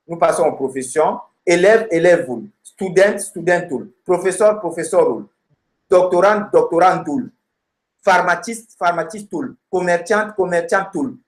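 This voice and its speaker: A man teaching a language lesson from a textbook, addressing the student directly and pausing with fillers as he searches the pages and repeats word endings. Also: fairly high pitch, echoey room. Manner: halting, many fillers and repeated words while searching pages. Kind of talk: recorded lesson, talking through a textbook.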